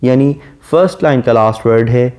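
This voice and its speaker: A man with a dark, mellow voice delivers a classroom lecture on poetry. He reads English verse slowly and deliberately, then explains each line in a calm, steady teaching tone. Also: mid-range voice. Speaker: literature lecturer.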